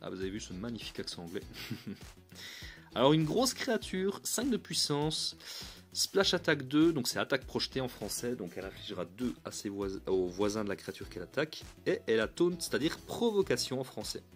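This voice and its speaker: A man chatting through a card review in an upbeat, casual way. His pitch sits in the middle of the male range, and he often restarts mid-phrase and chuckles. Soft music plays behind him. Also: big pitch swings, a little fast.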